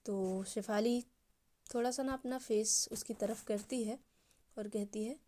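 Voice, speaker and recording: A young woman narrates a romance in a relaxed, chatty storytelling voice. Her tone is mellow and sits a little high, and she drops into soft, near-whispered delivery for the characters' tender lines. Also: a little slow. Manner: chatty, addresses listeners as bhai, acts out dialogue softly.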